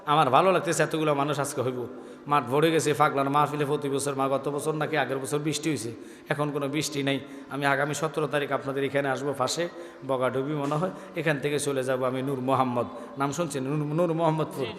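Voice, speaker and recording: A male preacher, giving a sermon that shifts between chanted, sung lines and quiet asides to the crowd. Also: fairly even intonation, fast. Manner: swings from sung, stretched shouting to low, quiet talk with the crowd. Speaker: preacher at an outdoor religious gathering. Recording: long reverb through loudspeakers, faint music.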